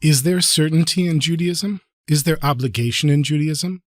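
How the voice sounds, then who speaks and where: A man's voice: fairly high pitch, normal speed, dry recording, clean studio sound. A man hosting an interview, asking curious, brief follow-up questions. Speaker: podcast host, interviewer.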